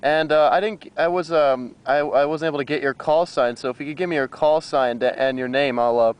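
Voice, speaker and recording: In a relaxed radio contact chat, an American man who operates amateur radio talks in a hesitant, wandering way. His voice runs slightly high and fairly quick, with a clean tone.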